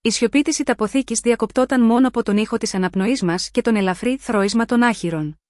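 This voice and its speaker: A female storyteller reads a first-person romance in a calm, scripted, audiobook-style delivery, measured and sensual. Her voice is slightly high. The sound is dry and close, with no room ambience or echo.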